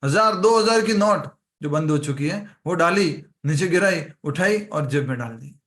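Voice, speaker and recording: A man's voice: on the high side, expressive, moderate pace, fairly bright tone. A man teaching an online scripture class over a video call, telling a story and acting out the characters' lines.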